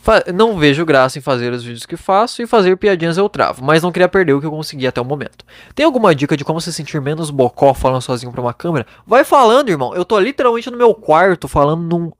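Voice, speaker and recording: A man's voice: on the high side, animated, fast talker, hardly any pauses, no room sound. A young man hosting a podcast from his bedroom, giving blunt, casual advice into a microphone and swearing freely. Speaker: podcast host.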